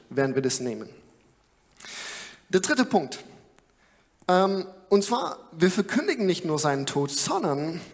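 A young man preaching a sermon in an earnest, conversational way, with frequent filler sounds. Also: fairly high pitch. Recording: long hall reverb.

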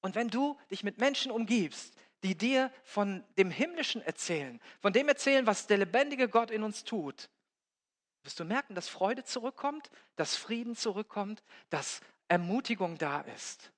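A man preaching a sermon, swinging between loud emphatic peaks and hushed, quiet passages. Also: high voice, lively intonation, moderate pace. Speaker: pastor. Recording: long hall reverb.

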